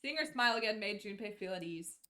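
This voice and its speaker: A woman streamer reads a story aloud at a brisk clip, breaking off into blunt, joking chat. Her voice sits in an ordinary middle range. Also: medium pitch, lively intonation, pushed and bright. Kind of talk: casual chat and narration.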